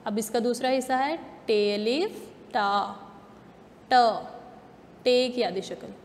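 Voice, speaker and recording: A woman's voice: a little high, takes it slowly. A woman kindergarten teacher with a Pakistani Urdu accent, patiently sounding out letters syllable by syllable in a spelling lesson for young children. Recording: long reverb, faint background noise.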